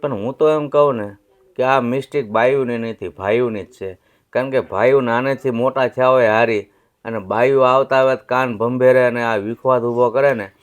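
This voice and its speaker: An argumentative man makes his case in a casual discussion, his pitch in the middle range. He explains his point steadily and plainly. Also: steady tone, moderate pace.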